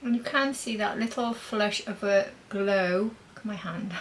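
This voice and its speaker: A woman's voice: mid-range voice, measured pace, a little hiss or hum, poor audio. A woman demonstrating makeup in a chatty vlog, thinking aloud as she applies blush and powder. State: talking with a mint in her mouth. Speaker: beauty vlogger.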